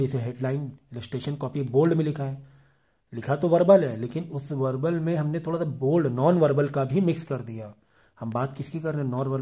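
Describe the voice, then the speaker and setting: A man's voice: mid-range voice, dark tone. A man teaching a business communication class, explaining patiently and often checking in with the students. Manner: reads English textbook passages slowly. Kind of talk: classroom lecture.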